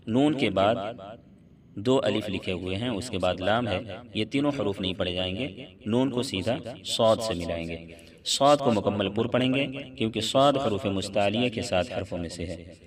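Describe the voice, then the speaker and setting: A man teaching Quran tajweed, explaining each letter's sound plainly between slow chanted recitations. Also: on the low side, distant mic, crowd noise.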